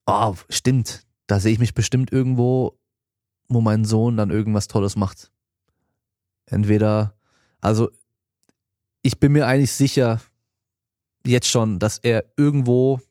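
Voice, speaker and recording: A man's voice: lowish voice, mellow, dry recording, studio quality. A man in his thirties hosting a podcast, answering listener questions in a loose, colloquial way. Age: 30s. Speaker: podcast host and strength coach. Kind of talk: casual podcast Q&A.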